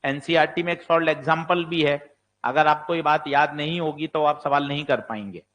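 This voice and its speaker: A man's voice: on the high side, fairly even intonation, brisk, a bit bright, lo-fi sound. A man teaching exam-prep physics, asking questions and answering them himself, sometimes playing a doubting student. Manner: plays the student voicing doubts.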